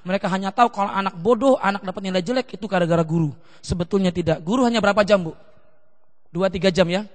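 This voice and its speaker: High, bright-voiced man preaching in a hall. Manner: lively, acts out children and parents in quick voices. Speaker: pastor. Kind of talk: seminar sermon.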